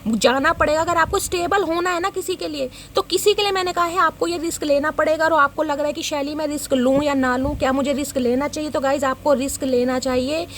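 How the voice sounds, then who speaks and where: High-voiced chatty woman reading tarot. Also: steady tone, fairly quick, hardly any pauses, a bit bright, a little hiss or hum. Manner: chatty, teasing, scolds and jokes with the viewer. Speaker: tarot reader. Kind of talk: casual tarot reading to viewers.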